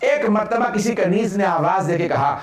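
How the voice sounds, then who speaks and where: A man's voice: high-pitched, expressive, moderate pace. A male preacher giving a mourning sermon with a fervent, dramatic storytelling delivery. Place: mourning gathering hall. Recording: echoey hall, voice from far off.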